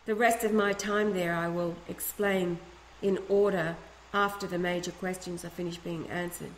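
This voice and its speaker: A woman with a slightly low voice reads a letter written in the first person. She moves at a moderate, steady, earnest pace, now and then restarting a line. Room echo colors the recording, and a faint hum runs underneath.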